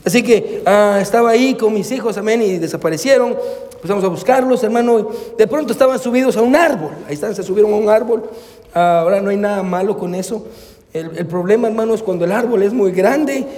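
Preaching a sermon, this male pastor has a high, slightly mellow voice and a quick pace. His lines are dotted with amén and hermano, slip into English now and then, and stumble into storytelling restarts, all under long hall reverb.

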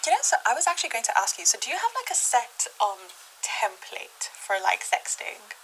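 A young woman co-hosting a podcast, chatting in an animated, giggly, self-conscious way. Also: high-pitched, fast, a little hiss or hum, rough recording. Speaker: podcast co-host. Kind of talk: casual chat.

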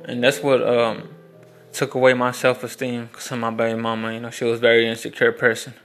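A young man rambles through a personal story in a loose, unscripted way. His voice is bright and forward, and his pitch stays level and flat. Faint guitar music plays underneath. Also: a little fast. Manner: rambling, many restarts and fillers, frank. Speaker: vlogger. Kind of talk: casual storytelling monologue.

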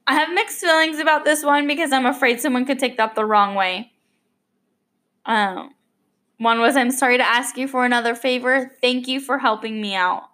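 A woman's voice: high-pitched, normal speed, a bit bright. A young woman hosting an unscripted podcast, rambling with lots of fillers and restarts, a little choked up. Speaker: podcast host. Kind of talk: unscripted casual podcast monologue.

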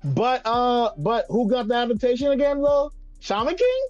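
A man co-hosting a podcast in casual chat, animated and joking, with lots of fillers. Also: extremely high pitch, normal speed, faint music behind. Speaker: podcast co-host. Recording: muffled dry recording.

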